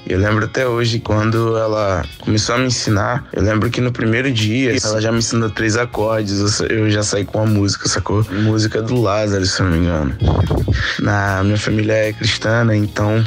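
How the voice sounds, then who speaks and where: A young Brazilian man with a lowish voice tells his story as an interview guest. He talks loosely and casually, throwing in slangy tags as he goes. Soft music plays faintly behind him. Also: brisk. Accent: Brazilian Portuguese. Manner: relaxed and slangy, with frequent filler tags. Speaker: guest guitarist.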